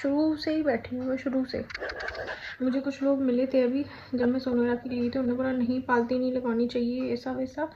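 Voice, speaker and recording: A woman's voice: high voice, flat delivery, a little fast, highs cut off, slight background noise. A young woman chatting casually at home in a vlog, rambling and correcting herself as she talks. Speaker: vlogger. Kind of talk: casual pregnancy vlog chat.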